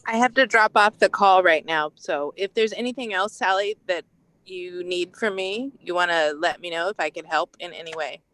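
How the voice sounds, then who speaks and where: A woman's voice: lowish voice, moderate pace, a bit bright, low-quality recording. A woman calling into a meeting by car speakerphone while driving, apologetic and eager to help. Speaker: arts commission member. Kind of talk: casual meeting talk.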